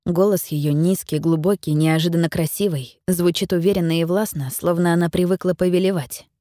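A woman reading an audiobook as narrator, in a measured, even storytelling manner. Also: lowish voice, dry recording, studio quality. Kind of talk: scripted narration.

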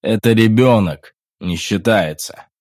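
An eager, excitable adventurer who sells his finds, played by a male narrator, talking loudly and pushing hard. The voice is a little low and slightly raised from the narrator's own. It is recorded dry, with no room sound. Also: normal speed, no echo. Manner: enthusiastic, pleading. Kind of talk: audiobook reading.

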